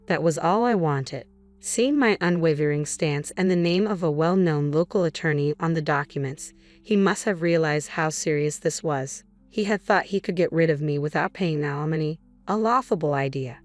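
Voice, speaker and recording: Low-voiced woman narrating calmly. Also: faint music behind. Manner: calm, cold, measured. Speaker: storyteller. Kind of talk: scripted first-person narration.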